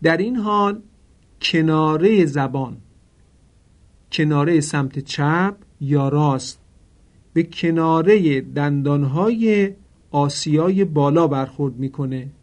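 A man teaching Quranic pronunciation in a formal, polite manner, drawing out each example word slowly so listeners can repeat it. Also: fairly high pitch. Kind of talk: pronunciation lesson.

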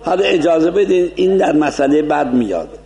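A man teaching a seminary lecture as a cleric, explaining points and slowly demonstrating Arabic pronunciation. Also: fairly high pitch, lively intonation, gravelly, mellow, reverberant.

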